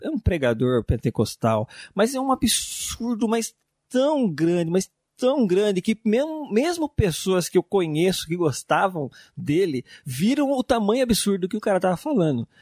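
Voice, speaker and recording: Earnest Brazilian man, slightly high voice. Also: very animated, normal speed, darkish tone, no echo, clean studio sound. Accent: Brazilian Portuguese. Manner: earnest, reflective, often drawn out with fillers. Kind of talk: casual faith discussion.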